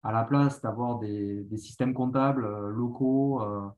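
A man's voice: medium pitch, fairly even intonation, a little slow, a little mellow, poor audio. A man on a video call, speaking earnestly and reflectively in a casual panel discussion.

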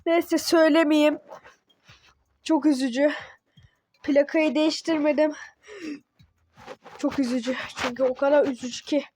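A woman giving casual gameplay commentary as a channel host, excitable and talking back to the game when things go wrong. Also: high-pitched, unhurried, pauses often, a little hiss or hum. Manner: excitable, talks to the game, grumbles and yelps at mistakes.

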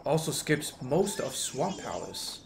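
Animated man chatting on a speedrun stream. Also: a little high, unhurried, creaky, noisy background. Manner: greets and answers chat, bursts into excited exclamations. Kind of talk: casual live-stream chat while gaming.

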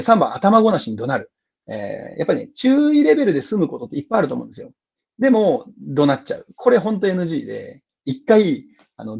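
An earnest man from Japan giving a seminar talk, rapid and lively, his tone swooping up and down. His voice is gravelly and husky with a dark, mellow color. The recording sounds dull and muffled. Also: mid-range voice. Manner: earnest, energetic, with fillers and apologies for time.

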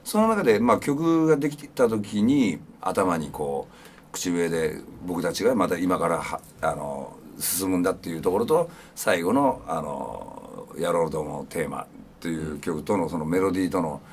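A man's voice: deep voice, expressive, normal speed, slight background noise. A man in his fifties, a punk band singer, talking casually and reflectively in an interview with many fillers. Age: 50s.

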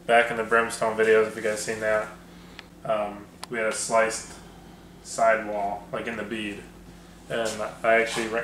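A man casually chatting about his off-road gear, relaxed and rambling with lots of fillers. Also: on the low side. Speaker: off-road video host. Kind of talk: casual garage chat. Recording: echoey room with faint noise.

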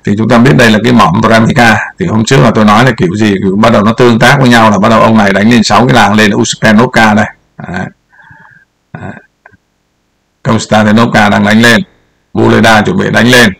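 A man's voice: on the low side, fairly even intonation, fast, creaky, fairly bright tone. An older man giving casual political commentary over a map, rambling and repeating words as he points things out.

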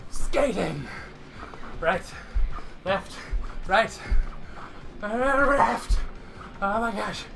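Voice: medium pitch, animated, drawn-out words, gravelly, pauses often, over music. A gamer giving melodramatic trash-talking commentary while out of breath from exercising. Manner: melodramatic trash talk at the game. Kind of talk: let's play commentary.

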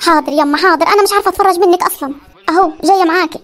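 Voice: extremely high pitch, racing, a bit bright. An actor voicing a cheeky, lazy young village daughter in a comedy cartoon, whining and talking back, with an Upper Egyptian accent. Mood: stalling. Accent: Upper Egyptian Arabic. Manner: whiny, talks back, stalls.

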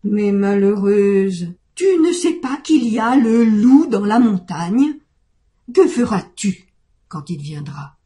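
A woman voicing a worried, kindly old male goat farmer who pleads and exclaims loudly. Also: fairly high pitch, sing-song, slow pace. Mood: alarmed.

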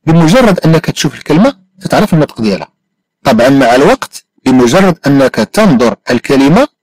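A man with a Moroccan Arabic accent teaching an English lesson, repeating each phrase slowly and carefully. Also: a little high, a little mellow, breathy edge, no room sound, poor audio. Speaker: language teacher.

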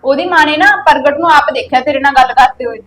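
A woman's voice: high-pitched, fast, a bit bright. An actress playing a stern sister-in-law who scolds her young relative, speaking with a Punjabi accent. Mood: scolding. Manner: reproachful, scolding. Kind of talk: village web-series drama.

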